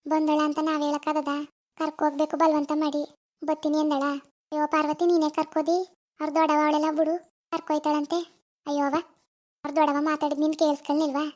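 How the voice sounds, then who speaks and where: A woman's voice: high voice, completely flat delivery, fast, long pauses, darkish tone, lightly acted. A woman doing Parvatamma, a firm village woman. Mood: persuading. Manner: firm, consoling, a little bossy. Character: firm, caring middle-aged village woman. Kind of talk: cartoon voice acting.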